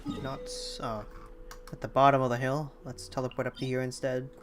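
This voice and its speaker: Her voice very deep and her delivery flat, a young female streamer chats casually at normal speed while playing, thinking aloud and hesitating a little. Game music and other background noise are audible.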